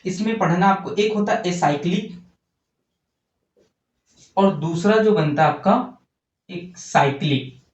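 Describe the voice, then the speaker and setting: A male teacher working through chemistry at the board in an unhurried way, putting questions to the class and then answering them himself. The voice sits back from the mic in a roomy, echoing space, and the recording sounds dull and lo-fi. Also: high voice. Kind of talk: chemistry lesson while writing on a board. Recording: distant, echoey, dull lo-fi.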